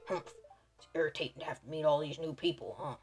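A woman's voice: low-pitched, fast, soft background music, voice pushed down, natural voice. A woman voicing a grumpy, curt old man from a video game. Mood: irritated, dismissive.

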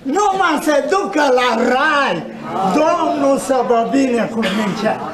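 A man from Romania preaching a fervent sermon, breaking into shouts and tearful tones. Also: very high-pitched, lively intonation, crowd noise. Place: church hall. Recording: echoey church recording.

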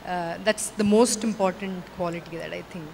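A woman in her thirties speaking on a conference panel, measured and full of "uh" pauses, into a handheld mic. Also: fairly low pitch, steady tone, vocal fry, a little mellow. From India. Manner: measured, frequent "uh" fillers. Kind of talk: panel discussion answers. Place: large conference stage. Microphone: handheld microphone. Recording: stage hall with long reverb, faint noise.

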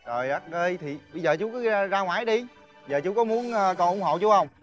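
A sweet-talking con artist in a TV drama, his Southern Vietnamese speech coaxing and full of easy chuckles. His voice sits a little high, with faint music underneath. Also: lively intonation, fairly quick. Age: young adult. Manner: persuasive, coaxing, chuckling often. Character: smooth-talking young male swindler, wheedling. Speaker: actor. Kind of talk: TV drama acting.

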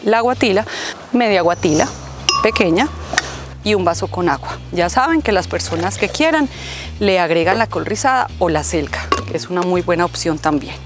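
Lady in her 30s, calm encouraging host voice, mid pitch, soft music under it. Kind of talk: hosting chat and recipe segment. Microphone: lapel mic.

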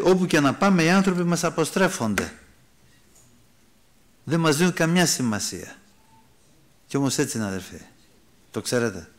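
Ένας μεσήλικας άνδρας ιεροκήρυκας που κηρύττει με οικείο, κουβεντιαστό τόνο, εξηγεί τη Γραφή και απευθύνεται στους ακροατές ως «αδερφοί». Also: male voice, mid-range voice. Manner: conversational preaching, addresses listeners as brothers, reads and explains scripture. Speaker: preacher. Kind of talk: sermon. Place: church hall.

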